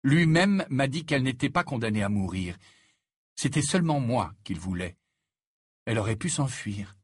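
Harry, a man doing a grim hushed teenage boy. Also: moderate pace, husky, no echo, clean studio sound. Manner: low, subdued, steady. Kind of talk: audiobook character voice.

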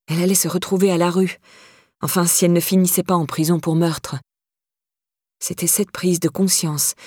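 A woman reading a novel aloud in an even, measured manner, close to the microphone. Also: fairly low pitch, husky, no echo. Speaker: audiobook narrator. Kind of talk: scripted narration.

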